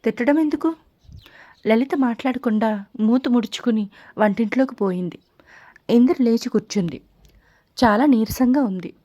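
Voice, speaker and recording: A woman reading a story aloud as an audiobook narrator in a calm, steady storytelling manner. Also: fairly high pitch, normal speed, pauses often, no room sound, dull audio. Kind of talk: scripted narration.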